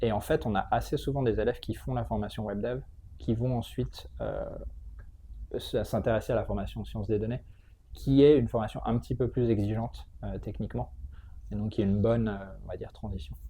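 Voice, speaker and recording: A man speaks as an interview guest in a low, mellow voice with a gravelly creak. He explains things conversationally, often pausing and repeating words while he looks for the right one. A faint noise sits behind him. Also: fairly even intonation. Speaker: interview guest, tech training school entrepreneur.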